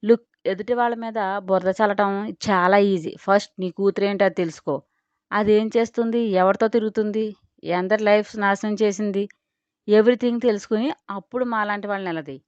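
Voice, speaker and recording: A woman voicing a sharp-tongued young man who mocks and accuses. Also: medium pitch, steady tone, normal speed, dry recording, lightly acted. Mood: mocking. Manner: sharp, taunting. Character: sneering, mocking young man confronting a father. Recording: dry, dull lo-fi recording.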